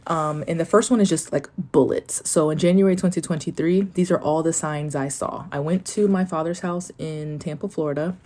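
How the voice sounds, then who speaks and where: A woman's voice: sits low, fairly even intonation, moderate pace, few pauses, warm tone. An American woman talking candidly and informally, with rambling asides and some swearing, as she reads journal notes and comments on them. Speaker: host telling of a spiritual awakening. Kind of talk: casual solo chat, reading journal entries aloud.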